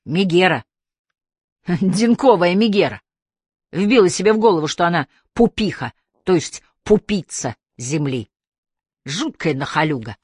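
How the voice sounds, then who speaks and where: A woman voicing a brash, crude young Australian man who mocks others loudly in coarse slang, in an audiobook. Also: on the low side, lively intonation, unhurried, long pauses, husky, no echo. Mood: brash mocking. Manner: loud, coarse slang, mocking.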